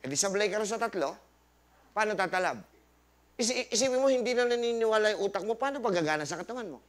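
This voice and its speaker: A man's voice: high voice, expressive, fast talker. A man hosting a health forum as a doctor, lecturing a live audience with rhetorical questions, scripture quotes and jokey asides, mixing English into Tagalog.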